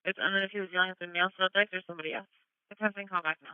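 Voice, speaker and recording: Lady police dispatcher on the radio, talks quick, thin phone-like audio. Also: lowish voice, steady tone, clear, resonant tone, no room sound. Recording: tinny narrowband police radio.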